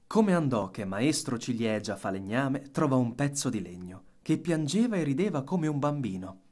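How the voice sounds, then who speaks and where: A man narrates a children's story as an expressive audiobook reader, using a mid-range voice at a moderate pace.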